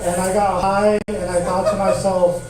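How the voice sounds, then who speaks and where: In noisy, echoey audio captured from far off in a comedy club, a twenty-something comic from Tucson, Arizona performs crude, relaxed stand-up and cracks himself up. He's high-pitched, with a flat, darkish delivery at a moderate pace.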